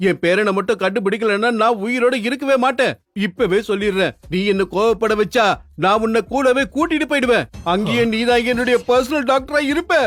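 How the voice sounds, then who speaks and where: A man's voice: very high voice, a little fast, no echo. Furious old grandfather. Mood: angry. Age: older. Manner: gruff, shouting complaints. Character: grumpy rich old grandfather, hospital patient. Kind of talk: dubbed drama.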